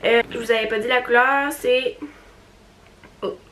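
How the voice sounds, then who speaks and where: A woman's voice: fairly high pitch, fairly even intonation, unhurried, a bit bright, slight background noise. A young woman with a Quebec French accent chatting casually in a beauty haul video, hesitant with many fillers and little giggles. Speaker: beauty vlogger.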